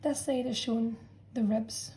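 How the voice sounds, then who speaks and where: A woman's voice: a little high, fairly even intonation, moderate pace, mellow, low-quality recording. A woman science teacher talking students through a revision lesson, explaining patiently and checking in with "okay" as she goes. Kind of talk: revision lesson narration over a drawn diagram.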